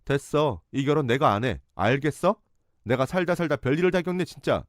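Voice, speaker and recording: A man's voice: mid-range voice, animated, quick pace, no room sound, clean studio sound, voice pushed up, close to an everyday voice. A man voicing an indignant young woman nurse who speaks sharply and defiantly.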